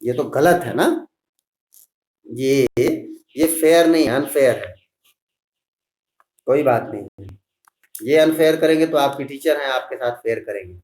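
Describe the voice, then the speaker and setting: Patient teacher spelling out words slowly. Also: male voice, medium pitch, darkish tone, reverberant. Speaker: Sanskrit teacher. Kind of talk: online class for schoolchildren.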